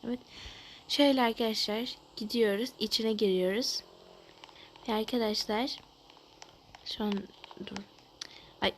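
A woman giving casual commentary on a game, chatting to her viewers and often dropping into a low murmur. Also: fairly even intonation, unhurried, pauses often, a little hiss or hum. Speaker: gaming youtuber.

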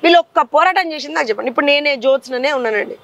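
In a combative interview, a female party leader speaking with a Telangana Telugu accent unleashes a fiery stream of quick rhetorical questions. Her voice sits high and has a fairly bright tone.

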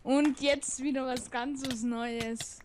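A woman's voice: high-pitched, steady tone, slow pace, slight background noise. A young woman co-commentating a game in casual, teasing, sweary banter. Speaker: gaming co-commentator.

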